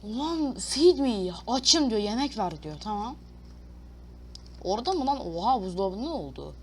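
A woman chats her way through a video game, reading prompts aloud and cursing playfully as she goes. Her pitch sits at an ordinary middle for a woman. A faint hiss and the click of a keyboard run underneath. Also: sing-song, moderate pace. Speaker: gaming YouTuber. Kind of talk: casual let's-play commentary.

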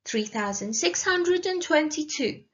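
A menacing storybook witch, played by a woman narrator, miserly and scornful. She speaks slowly and deliberately in a raised pitch, with curt, imperious commands that swing widely in tone. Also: expressive, dull audio. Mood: dismissive, curt.

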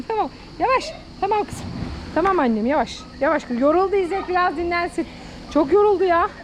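A woman hosting a family vlog outdoors by a pool, coaxing and calling to her dog in a lively way. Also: extremely high pitch, a little fast. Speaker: mother and vlog host. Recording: noisy outdoor recording.

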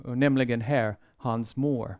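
A man's voice: medium pitch, fairly even intonation, narrow, tinny audio. Earnest man giving a Bible lecture. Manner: measured and earnest, with pauses and restarts. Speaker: Bible seminar speaker. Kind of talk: sermon-style Bible lecture.

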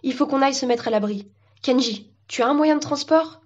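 A woman voicing a calm, slightly cheeky young man who speaks matter-of-factly, on a dull lo-fi recording. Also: high-pitched, fairly quick, husky, pitched above the performer's own voice.

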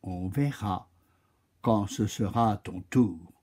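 A man voicing a calm, stern old oak tree that answers slowly and without fuss. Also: lowish voice, breathy edge, pitched below the performer's own voice. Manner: slow, unruffled.

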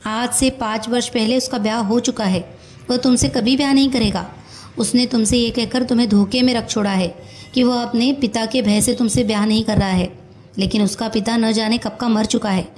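Woman reading a story in a high-set voice. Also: steady tone, moderate pace, darkish tone, low-quality recording. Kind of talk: storybook narration.

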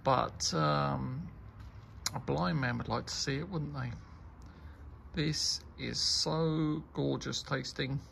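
Male beer reviewer, deep-fried gravelly voice, unhurried casual chat, light hiss behind. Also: fairly bright tone. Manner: rambling, enthusiastic tasting remarks.

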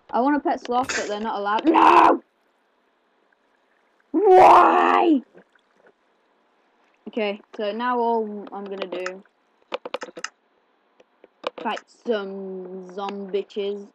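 Male gameplay host, unhurried rambling commentary with fillers; slightly muffled desk mic, keyboard clicks behind. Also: high voice, noisy background. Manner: rambling, chatty, with many fillers. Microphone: desk mic picking up keyboard clicks. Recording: slightly dull home recording with keyboard clicks.

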